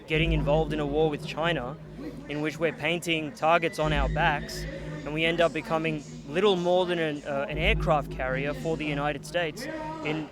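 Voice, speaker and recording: A man at an outdoor rally making his case in a measured, argumentative way in a street interview. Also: on the high side. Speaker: rally attendee. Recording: clear music behind outdoors. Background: music.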